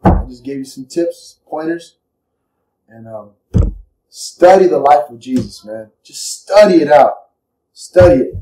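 A man's voice: on the high side, animated, a little slow, pauses often, warm tone, echoey room, distant mic, low-quality recording. A man preaching with passion and emotion, repeating his lines for emphasis. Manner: impassioned, repetitive, emotional. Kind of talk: sermon.

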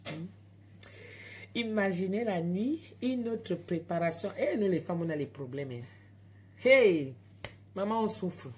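A woman's voice: fairly low pitch, expressive, a little slow, pauses often, a little mellow, a little hiss or hum. A woman with an African French accent, telling stories and chatting straight to her viewers on a casual live stream from home at night.

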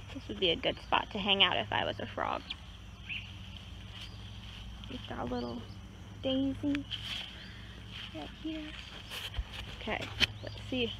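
A woman walks along a pond as a nature guide, talking in a relaxed, chatty way with plenty of fillers. Her voice sits a bit high. The outdoor recording carries clear cricket and insect noise behind her. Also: low-quality recording. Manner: relaxed, chatty, many fillers and hedging words. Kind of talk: casual outdoor nature walk explanation. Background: crickets and insects in a rural setting.

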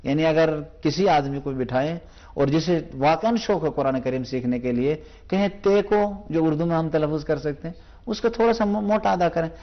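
In a televised Quran recitation class, this fairly high-pitched man explains pronunciation with patience, sounding out each sound slowly for demonstration. The audio is dull.

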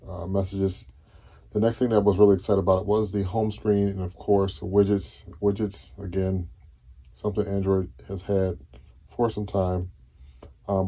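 A low-pitched man in his thirties chats to the camera in a relaxed, rambling way, with plenty of ums and restarts. His voice is very dark and mellow, with a husky edge. He sits indoors close to the camera mic. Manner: relaxed, many fillers and restarts. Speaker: tech vlogger. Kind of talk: casual solo video review. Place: dim indoor room, seated on a couch.

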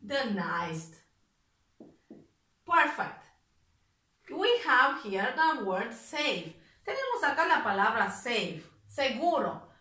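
A woman teaching an English grammar lesson, explaining step by step and repeating words slowly. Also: sits high, big pitch swings, bright, forceful tone, roomy sound, recorded from a distance.

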